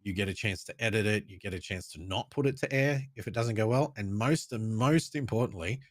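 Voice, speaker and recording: A man's voice: lowish voice, a little fast, no echo, studio quality. A man, a radio presenter, chatting casually and explaining things with many ums. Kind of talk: casual chat.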